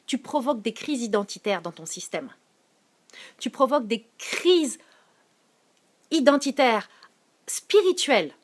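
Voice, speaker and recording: Lively Quebec French woman preaching. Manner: animated, switching to soft low tones for scripture; reads out and answers viewers' comments. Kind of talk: informal live-stream sermon.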